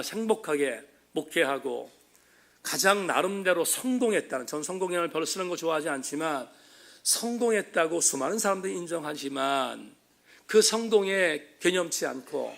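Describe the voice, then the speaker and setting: Pastor, male, high gravelly voice, passionate sermon delivery in a church. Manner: impassioned preaching, swelling to loud emphatic peaks. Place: church sanctuary.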